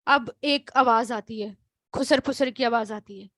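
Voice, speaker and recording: A woman's voice: a little high, a bit bright, no echo, clean studio sound. A woman teaching a Quran word analysis lesson, explaining patiently and checking in with rhetorical questions and tags.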